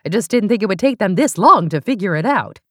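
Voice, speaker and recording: A woman's voice: mid-range voice, lively intonation, fast, bright, forceful tone, no room sound, clean studio sound, pitched above the performer's own voice. A woman playing a blunt, no-nonsense older woman. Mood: dry. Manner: blunt, matter-of-fact.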